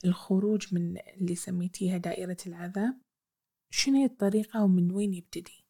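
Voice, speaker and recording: A woman's voice: fairly low pitch, steady tone, quick pace, mellow, husky. A woman with a Gulf or Iraqi Arabic accent hosting a conversational interview. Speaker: interview host.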